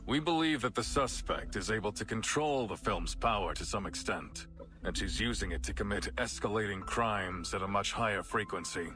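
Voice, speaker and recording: An actor playing a stern male deputy police chief in a game, speaking in a firm, measured, authoritative way. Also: on the low side, lively intonation, over music, close to an everyday voice. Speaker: game character voice. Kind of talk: voiced game dialogue.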